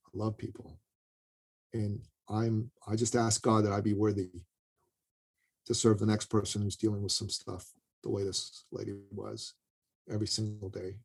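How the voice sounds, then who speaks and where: A man's voice: fairly low pitch, flat delivery, moderate pace, gravelly, long pauses, a little mellow, husky. A man telling a story as a podcast guest, talking casually and often checking in with "you know" and "right". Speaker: business coach.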